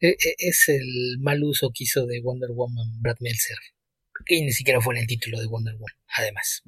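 A man co-hosting a podcast in casual chat, talking quickly with small restarts. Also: mid-range voice, steady tone, a bit bright, husky, dry recording. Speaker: podcast co-host.

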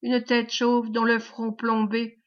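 Woman reading a novel aloud, higher voice. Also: completely flat delivery. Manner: measured, dramatic narration. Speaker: audiobook reader. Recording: dull lo-fi recording.

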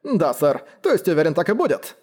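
Pitching his voice above his own, a man plays a pompous, fussy official full of stiff bureaucratic phrasing in an audiobook. The delivery is very animated, a little fast, fairly high, and slightly mellow.

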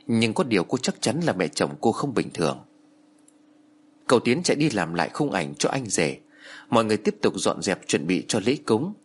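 A man narrating a horror story with expressive storytelling. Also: on the low side, breathy edge. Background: faint music.

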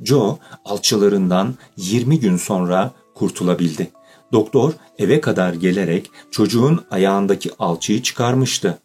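A man narrating a children's audiobook in a steady, measured storytelling style. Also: fairly low pitch, husky. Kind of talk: scripted narration.

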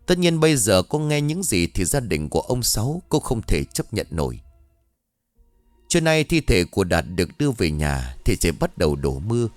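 A man narrating a scripted ghost story in an expressive, dramatic storytelling manner. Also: fairly low pitch, moderate pace, dry recording. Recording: dry close studio voice over faint music.

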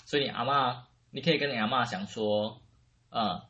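Quick joking man. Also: medium pitch, steady tone, bright, forceful tone, muffled recording, slight background noise. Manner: joking interjections. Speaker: podcast co-host. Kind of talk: casual chat.

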